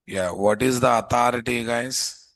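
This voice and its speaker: A man with a Telugu Indian accent teaching a live software class, informally thinking aloud and repeatedly putting questions to students. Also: medium pitch, measured pace, no echo. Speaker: programming instructor.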